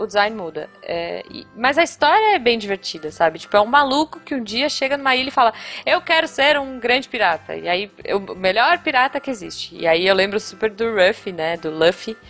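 A woman's voice: mid-range voice, a bit bright. A young adult woman with a Brazilian accent, chatting casually and enthusiastically as a podcast co-host, full of slang and fillers. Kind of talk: casual chat.

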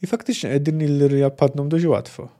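A man hosting a book podcast, reading passages and commenting in a relaxed, hesitant way. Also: fairly high pitch, brisk. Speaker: podcast host discussing a book. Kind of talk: book discussion with read-aloud quotes.

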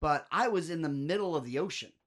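Male podcast host, higher register, loose and jokey. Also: expressive, fairly bright tone. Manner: joking, quick to riff and exaggerate. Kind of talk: casual conversation.

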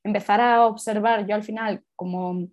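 A woman's voice: mid-range voice, fairly even intonation, moderate pace, a little mellow. A woman sexologist, reflecting candidly in a casual interview and rambling through many asides.

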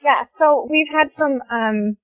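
A woman interviewing over a low quality stream, asking a question in a slightly hesitant, apologetic way. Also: slow, dry recording. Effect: low quality stream audio. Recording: muffled lo-fi call audio.

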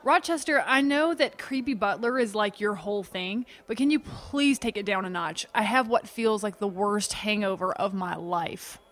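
An actress playing an exasperated, blunt, sarcastic shopkeeper in a scripted audio comedy. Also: female voice, mid-range voice, moderate pace, few pauses, fairly bright tone, lightly acted.

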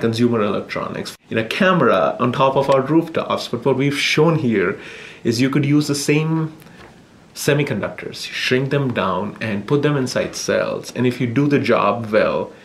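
A man, a scientist, explaining his work informally in an interview in a lab. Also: mid-range voice. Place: indoors in a lab. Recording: faint room noise on location. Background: faint noise, room ambience.

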